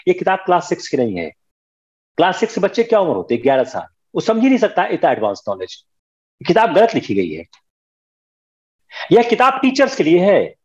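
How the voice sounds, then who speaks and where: A man's voice: high voice, darkish tone. An older man teaching a history class, firm and scolding, switching between Hindi and English. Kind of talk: classroom lecture. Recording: dull lo-fi classroom recording.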